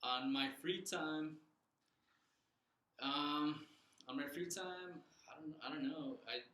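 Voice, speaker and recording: Earnest young man, bright voice. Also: a little high, slow, echoey room, slight background noise, low-quality recording. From Southern California. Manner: earnest, many fillers and restarts. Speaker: loan officer guest. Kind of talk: casual interview.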